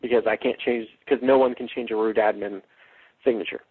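A man hosting a casual podcast, rambling and thinking aloud in a halting way, recorded on a cheap, lo-fi microphone. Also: mid-range voice, fairly even intonation, husky. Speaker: podcast host. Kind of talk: casual unscripted podcast discussion.

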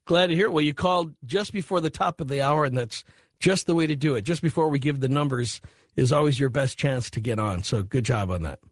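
Male radio host, mid-pitched, dry studio sound, meandering delivery with many restarts. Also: a little fast, no echo. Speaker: radio talk show host. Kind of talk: late-night call-in radio talk.

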